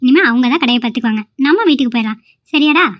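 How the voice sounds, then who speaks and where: A woman's voice: high-pitched, racing, close to an everyday voice. A woman voicing a firm young mother scolding her son in a cartoon, on a dull lo-fi recording.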